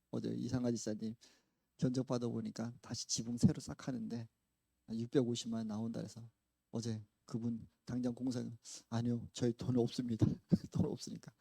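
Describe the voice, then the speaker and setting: A male pastor giving a conversational sermon, telling a story with swings from hushed to loud and frequent laughter. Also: medium pitch, vocal fry, husky, dry recording. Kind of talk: conversational sermon with acted-out quotes. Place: church sanctuary.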